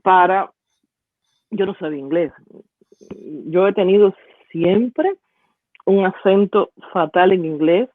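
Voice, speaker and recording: A woman's voice: mid-range voice, slow, pauses often, no echo. Cuban woman on a tinny call. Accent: Cuban Spanish. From Cuba. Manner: thoughtful, with frequent restarts and hesitations. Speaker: guest, university professor and poet. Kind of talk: reflective storytelling interview. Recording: tinny phone-like dry line.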